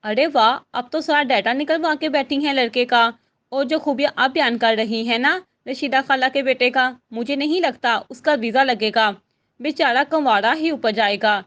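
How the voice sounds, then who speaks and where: A woman's voice: sits high, moderate pace, fairly bright tone, muffled recording. A woman voicing a witty, teasing young daughter in a storybook reading. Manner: playful, wry.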